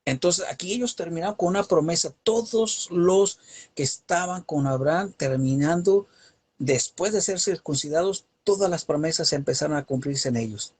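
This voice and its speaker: This preacher's voice is fairly high, slightly husky, and a little mellow, and he keeps a moderate pace while teaching from the Bible. His delivery is emphatic, built on rhetorical questions and cadences that climb.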